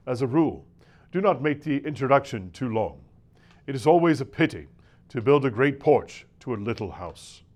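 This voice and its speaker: A man giving a scripted reading of a nineteenth-century lecture to preachers, in a measured, oratorical delivery with shifting emphasis. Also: mid-range voice, expressive. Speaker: reader of a classic lecture.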